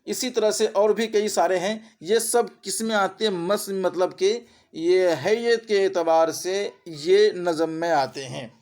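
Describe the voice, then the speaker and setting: High-voiced man teaching Urdu grammar. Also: a little mellow. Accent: Urdu, as spoken in India. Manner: explains by repeating terms and asking quick checking questions. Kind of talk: exam-prep grammar lesson.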